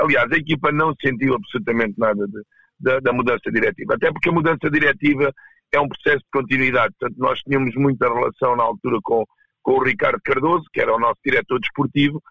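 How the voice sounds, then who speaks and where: Gravelly, bright-voiced Portuguese man, halting delivery. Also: mid-range voice, no echo, highs cut off. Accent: European Portuguese. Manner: halting, repeats words. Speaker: roller hockey coach, interview guest. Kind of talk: casual interview answers.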